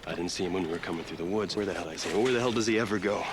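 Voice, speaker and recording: An actor playing an exasperated, urgent soldier in a war drama. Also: male voice, low-pitched, rapid-fire, heavy background noise, natural voice.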